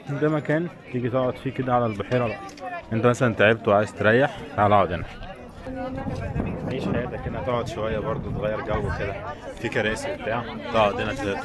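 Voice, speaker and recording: Walking through a tourist village, mostly outdoors, a travel vlogger with an Egyptian Arabic accent addresses viewers in a relaxed, informal way. His pitch is fairly low. Around him is the crowd noise of a tourist spot, with people talking.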